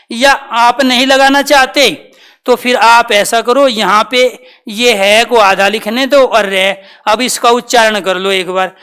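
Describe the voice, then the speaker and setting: Woman teacher with a bright, smooth voice who drills students with questions and answers them herself. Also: on the high side. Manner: patient, repeats terms slowly. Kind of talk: classroom grammar lesson.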